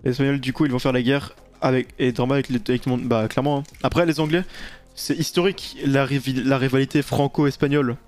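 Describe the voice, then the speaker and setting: A man's voice: medium pitch, steady tone, fast talker, darkish tone, soft background music. A man streaming a video game, chatting casually and rambling while answering chat questions, close to the mic. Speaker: gaming streamer.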